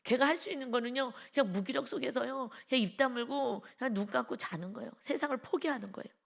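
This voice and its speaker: A woman's voice: a little high, quick pace, gravelly. A woman pastor giving an early-morning devotional sermon, telling a story in a conversational way and speaking directly to the congregation. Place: church.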